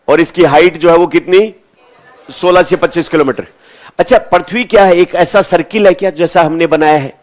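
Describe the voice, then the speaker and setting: High-voiced man teaching a lesson. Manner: asks questions and answers them himself, repeats key terms. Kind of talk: classroom lecture.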